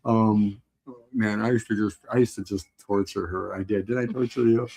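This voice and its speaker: Low husky man reminiscing. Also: fairly even intonation, moderate pace, darkish tone. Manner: rambling, with frequent restarts and laughs. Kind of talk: casual reminiscing talk.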